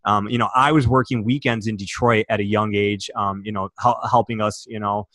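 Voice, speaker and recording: A man's voice: lowish voice, fairly even intonation, fairly quick, a bit bright, no echo, clean studio sound. Earnest young man from Michigan. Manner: earnest and emotional, many fillers and restarts. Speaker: podcast guest. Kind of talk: candid interview storytelling.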